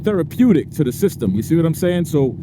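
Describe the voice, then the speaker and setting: A man's voice: a little high, big pitch swings, fast. A man chatting casually to viewers while riding his motorcycle, laughing often and stretching out his stresses. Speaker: motorcycle vlogger. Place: on a motorcycle in traffic outdoors. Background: faint traffic and wind noise.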